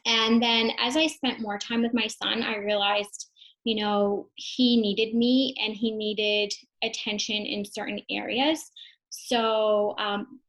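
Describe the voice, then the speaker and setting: Speaking slowly with little pitch movement, this young mother and online business owner shares a personal testimonial in a relaxed, thoughtful manner, often restarting and using fillers. Her mid-range voice has a fairly bright tone, English is her first language, and the audio is poor.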